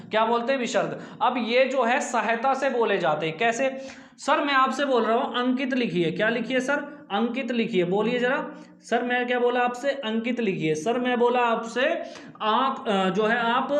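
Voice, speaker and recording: A man's voice: very high-pitched, fairly bright tone. A man teaching Hindi grammar at a whiteboard for an exam coaching class, asking the class questions and answering them himself. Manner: repeats questions to the class and drags out sounds. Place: small coaching room with a board. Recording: echoey room.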